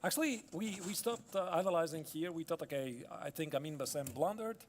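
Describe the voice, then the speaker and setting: A man's voice: a little high, expressive, fairly quick, a little hiss or hum. A man hosting live chess commentary, analysing casually and exclaiming expressively as he follows the moves.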